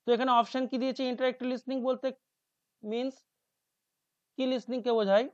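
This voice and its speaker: A male teacher with a Bengali accent talks through exam questions in a lecture. He reads English phrases slowly and drops into quiet asides. The recording is dry and a little dull. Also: steady tone, no echo. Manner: explains slowly, reads English options aloud slowly, drops to low mutters.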